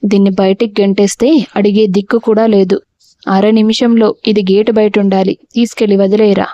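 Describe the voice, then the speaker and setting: A woman's voice: medium pitch, flat delivery, normal speed, dark tone, dry recording, natural voice. A woman voicing a greedy, harsh middle-aged mother-in-law who scolds and insults, in an audio storybook. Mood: harsh scolding. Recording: dull, dry lo-fi recording.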